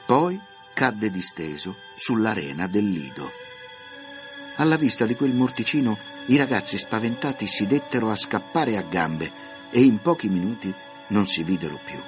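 A man narrating a children's classic in a scripted, lively, expressive storytelling manner. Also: fairly low pitch, normal speed. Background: soft background music.

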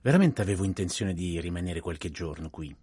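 A man voicing a fastidious Belgian detective who speaks in a measured way and drops in French words. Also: low-pitched, lively intonation, mellow, husky, no echo. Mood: thoughtful. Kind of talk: audiobook character voice.

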